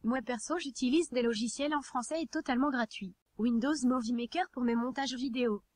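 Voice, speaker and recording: A synthetic text-to-speech woman's voice reading scripted tutorial narration in an even, neat, instructional way. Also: on the high side, a little fast, dry recording. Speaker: narrator of a hobby tutorial video.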